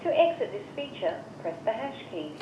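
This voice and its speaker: Through a phone speaker, a woman's recorded voice reads voicemail menu prompts as measured, evenly spaced instructions, fairly high-pitched with big pitch swings. The sound is muffled and echoey, with hiss.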